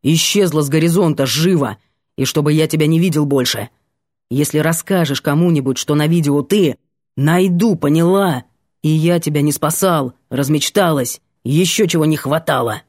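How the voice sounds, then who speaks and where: A woman reading an audiobook, voicing a rude, gruff young male student who talks brusquely and threatens. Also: sits low, moderate pace, darkish tone, dry recording, studio quality, voice pushed down. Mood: angry.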